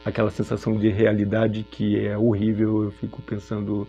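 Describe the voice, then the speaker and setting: A man from Brazil sharing a personal testimony in a reflective, halting way with frequent filler pauses. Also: lowish voice, completely flat delivery, warm tone, highs cut off, soft background music. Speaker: speaker sharing a personal story.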